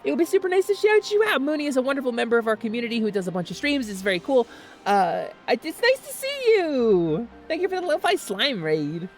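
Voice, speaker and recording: A woman's voice: on the high side, big pitch swings, fast, faint music behind. A woman live-streaming a video game in a cute anime-streamer manner, chatting casually and greeting viewers in a bubbly, playful way.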